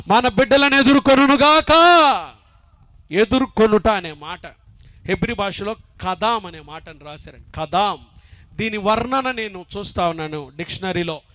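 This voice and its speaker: A man's voice: high voice, dry recording. A man preaching a sermon as pastor, telling a story with acted-out dialogue and building to emphatic, repeated cries. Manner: emphatic preaching with repeated phrases and rising shouts.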